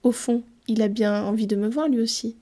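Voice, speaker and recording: A woman voicing a tiny, kindly winged fairy who speaks softly and coaxingly in a storybook reading. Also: a little high, steady tone, fairly quick, natural voice. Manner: soft, coaxing and consoling.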